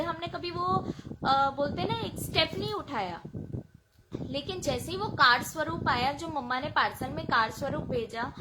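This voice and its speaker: A woman from India excitedly sharing a devotional testimony over a video call, storytelling and dropping in English words. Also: high voice, noisy background.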